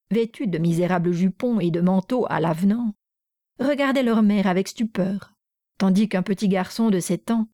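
A woman reading a classic novel aloud in a measured, even storytelling voice. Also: medium pitch, no echo, studio quality. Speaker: narrator.

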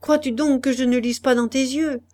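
A woman's voice: sits high, steady tone, normal speed, a little mellow, voice pushed up, natural voice. A woman voicing a desperate young wife in an audiobook, reading her lines with strong emotion, pleading and harsh by turns.

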